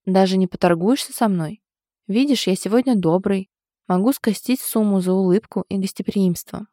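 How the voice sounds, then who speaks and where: A drunk, sour ex-boyfriend, as a woman narrator puts him on, sneering and bullying in a storybook scene. The voice sits dark and mellow and sounds dry and close. He pushes harder and louder than the calm narration around him. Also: medium pitch, normal speed, no room sound, lightly acted.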